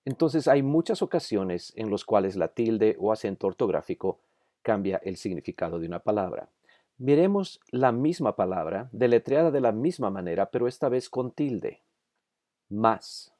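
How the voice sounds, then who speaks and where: A man's voice: lowish voice, animated, moderate pace, mellow, dry recording, studio quality. A man narrating a scripted grammar lesson for Bible institute students, carefully over-articulating each example word.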